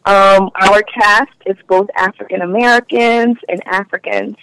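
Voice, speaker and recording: A woman's voice: medium pitch, fairly even intonation, unhurried, gravelly, fairly bright tone, smooth, no echo, rough recording. A woman from Liberia, a producer being interviewed on the radio, talking in an upbeat and enthusiastic way. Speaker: web series producer, guest.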